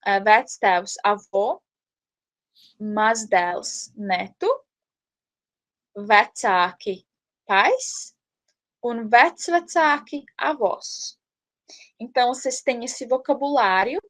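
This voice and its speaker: A woman teaching a language lesson, pronouncing words slowly and carefully and explaining patiently. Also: a little high, a bit bright. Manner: slow, careful word-by-word pronunciation.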